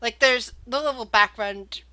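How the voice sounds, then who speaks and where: A woman running a tabletop game as game master, improvising narration in a halting way and repeating words as she finds her phrasing. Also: fairly high pitch, sharp tone.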